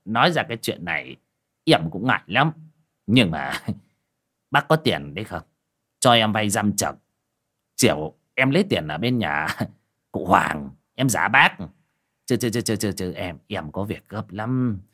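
A man's voice: lowish voice, big pitch swings, a little slow, pauses often, a bit bright, husky, exaggerated voice. A male narrator voicing a desperate bald old man who begs for a loan, stammering and close to tears. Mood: pleading. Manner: stammering, whining plea. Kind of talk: audiobook character voice.

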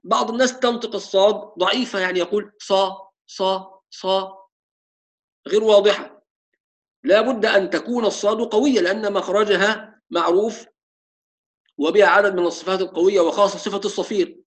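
A man with an Egyptian accent teaching Quran recitation. He mixes formal Arabic with colloquial asides and slows down to stretch out each letter he demonstrates. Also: high-pitched, steady tone. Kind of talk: tajweed lesson with spoken demonstrations.

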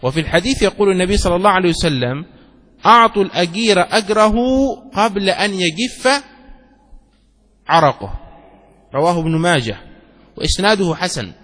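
A man's voice: high-pitched, expressive, a little fast, pauses often, fairly bright tone, big-room sound. A male Islamic scholar teaching a religious law text. He reads passages aloud, explains them with examples and keeps asking if his listeners follow. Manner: explains with examples and checks understanding.

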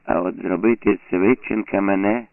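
A man putting on a calm older peasant neighbor, soft-spoken and gently ironic. His voice is low and gravelly, and the sound is tinny and phone-like. It plays as an audiobook scene. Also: moderate pace, dry recording.

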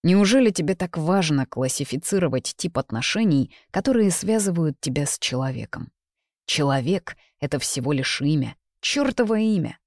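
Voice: mid-range voice, lively intonation, normal speed, a little mellow, no room sound, clean studio sound, lightly acted. A reader voicing a brash, possessive young man in a romance audiobook, speaking bluntly and coarsely. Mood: heated. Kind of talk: audiobook character reading.

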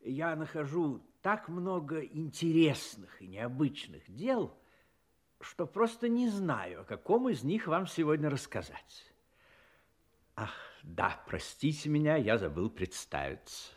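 A genial retired army doctor in a radio play, with a slightly husky voice that swings widely in pitch. He is courteous and confiding, an expressive theatrical storyteller who is fond of his friend but easily piqued. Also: slow, heavily acted. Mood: reminiscing, courteous. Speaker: narrator and character in an audio play.

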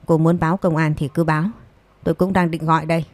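A man's voice: a little high, level tone, quick pace, dry recording, lightly acted. A woman voicing a cold, composed young man who speaks with icy firmness, in a storybook reading. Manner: icy, firm.

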